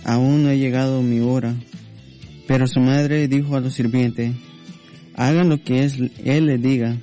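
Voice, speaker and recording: A man reading a Bible passage aloud in a steady, measured way on a religious radio program. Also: mid-range voice, faint music behind. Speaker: scripture reader.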